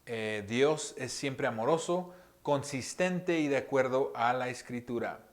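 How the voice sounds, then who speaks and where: Man, pastor, sermon, mid pitch, gentle, conversational, fillers, rhetorical questions, hushed moments. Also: a little slow. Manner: drops to a hushed soft voice often. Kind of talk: sermon teaching.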